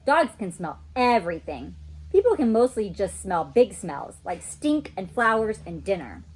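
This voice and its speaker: A woman reading a children's storybook aloud voices an excitable, mischievous little kindergarten girl telling her own adventures, chattering with cheeky emphasis. The pitch leaps around lively, the childlike delivery has a slightly husky edge, and the pace is unhurried. The mood is cheeky and matter-of-fact.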